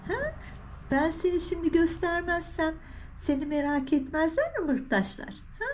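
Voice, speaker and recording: A woman's voice: extremely high pitch, very animated, unhurried. A woman vlogging with her cats on a balcony, talking to them in doting, cooing baby talk. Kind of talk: casual talk to pets. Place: outdoor balcony.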